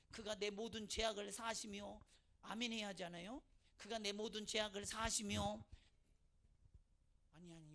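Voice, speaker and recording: A male pastor from South Chungcheong preaching a sermon in a church, swinging between quiet asides and shouted exclamations. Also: high-pitched, vocal fry. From South Chungcheong, Korea. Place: church sanctuary.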